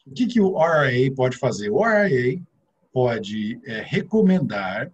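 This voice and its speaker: This guest financial advisor, a middle-aged man with an interior São Paulo Brazilian Portuguese accent, explains matters one step at a time with plenty of filler sounds. His husky mid-range voice swings widely in pitch and moves unhurriedly, captured on a muffled recording.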